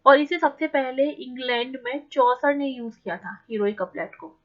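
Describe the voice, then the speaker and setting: A young woman teaching an exam-prep literature lesson in a mix of Hindi and English, explaining step by step and slowing down to read English definitions. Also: high voice, muffled recording. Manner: explains patiently, slows right down when reading English definitions.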